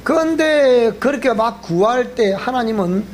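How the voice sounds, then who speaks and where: Male pastor, Gyeongsang accent, lively storytelling sermon, faint hiss behind. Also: very high voice, unhurried. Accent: Gyeongsang Korean. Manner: animated, acts out dialogue, laughs often. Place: church sanctuary.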